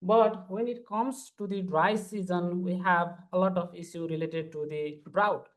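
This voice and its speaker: Speaking in a high, steady, unhurried voice, this Nepali doctoral student presents earnestly and formally on a conference panel. He moves methodically from slide to slide.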